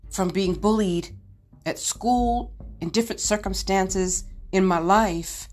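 A middle-aged woman speaks alone on her podcast, telling her own story in a candid, earnest and reflective way. Her voice sits at an ordinary middle pitch. Soft music plays quietly under her words. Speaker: podcast host. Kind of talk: personal storytelling monologue.

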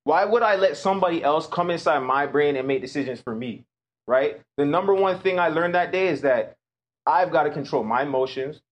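A man giving a keynote talk to high school students, telling a personal story with emphatic delivery. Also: brisk. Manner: storytelling, emphatic, acts out quoted voices. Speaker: motivational speaker.

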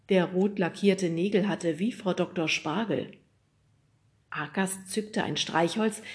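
A woman narrating a children's audiobook with lively, scripted storytelling. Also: fairly low pitch.

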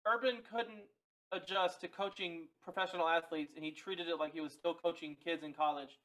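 A man's voice: a little high, steady tone, a little fast, sharp tone, poor audio. A young man co-hosting a sports podcast, talking bluntly with slang and casual swearing. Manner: blunt, slangy, cursing freely. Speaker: podcast co-host.

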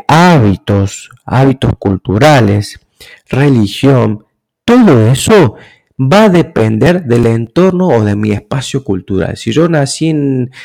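A man giving an explanatory talk in a measured way, often checking in with the listener through rhetorical questions. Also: mid-range voice, gravelly, a little mellow, rough recording.

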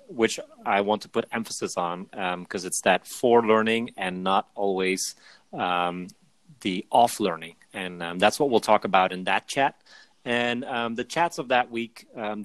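Hesitant man with lowish voice. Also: fairly bright tone, no echo, low-quality recording. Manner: hesitant, many ums. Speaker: podcast co-host. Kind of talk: casual chat.

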